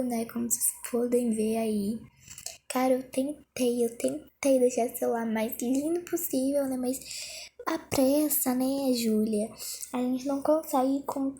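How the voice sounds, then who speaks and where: A young woman talks to her viewers in a casual vlog, flustered and rushing, often teasing herself. Her voice sits a little high yet sounds mellow and soft-toned. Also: slight background noise. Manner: flustered, hurried, self-mocking. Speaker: vlogger. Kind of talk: casual self-talk during a timed phone challenge.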